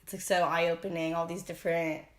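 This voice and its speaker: A young woman hosting a podcast in casual chat, with vocal fry, saying "like" often and laughing a lot. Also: on the low side, flat delivery, brisk, echoey room. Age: young adult. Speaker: podcast host.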